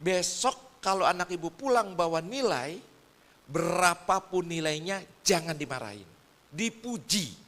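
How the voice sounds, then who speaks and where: A man from Indonesia preaching in a lively storytelling way, joking about himself and talking straight to the audience. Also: high-pitched, unhurried, long reverb tail. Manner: chatty, addresses the audience directly, jokes about himself. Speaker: preacher and teacher.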